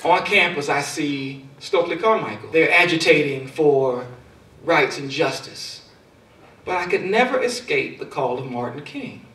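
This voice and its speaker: A man giving a motivational speech, telling a personal story, his loudness rising and falling for effect. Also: a little high, expressive, a little slow. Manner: storytelling with dramatic swings in loudness. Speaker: speaker. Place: large hall. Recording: echoey hall, far from mic.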